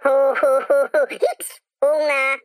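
A tiny, wobbly robot squeaks out single hungry words between electronic hiccups. Its voice sits very high and crawls along very slowly, dry and close to the mic in a storybook reading. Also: male voice, flat delivery, dry recording, exaggerated voice. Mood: hiccupy, eager. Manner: chirpy, clipped one-word outbursts. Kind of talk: storybook character voice.

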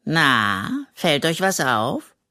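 A reader voicing an excitable, boastful little male raccoon in a children's audiobook, with a hissing, conspiratorial manner. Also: mid-range voice, extremely slow, full character voice. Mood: whispering. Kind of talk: children's audiobook role reading.

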